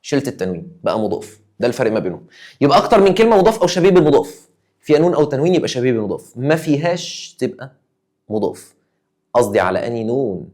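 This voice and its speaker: A man's voice: mid-range voice, big pitch swings, racing, darkish tone. A young man with an Egyptian Arabic accent, a teacher giving an exam review lesson, emphatic and acting out his students' questions.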